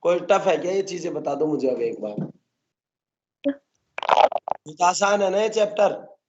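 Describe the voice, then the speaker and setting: A man's voice: high voice, animated, a little slow, lo-fi sound, heavy background noise. A male botany teacher lecturing a class, constantly coaxing the students to answer his questions.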